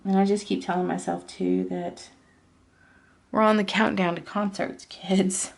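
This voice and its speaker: Gravelly-voiced woman chatting over her planner. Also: medium pitch, fairly even intonation, unhurried. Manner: rambling and confiding, drifting off-topic. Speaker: planner vlogger. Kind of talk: casual chat while decorating a planner.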